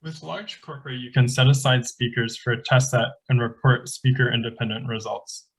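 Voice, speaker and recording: A man giving an academic conference presentation, explaining methods in a measured, technical way. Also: mid-range voice, fairly even intonation, gravelly, slightly rough, rough recording.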